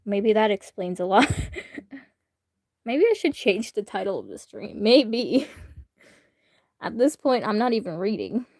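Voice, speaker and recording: A woman's voice: mid-range voice, animated, takes it slowly, long pauses, a little mellow, dry recording, studio quality. A woman streamer chatting casually to her viewers during a reaction stream, rambling and hesitant with lots of fillers. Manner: talks to chat directly. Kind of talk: casual livestream reaction chat.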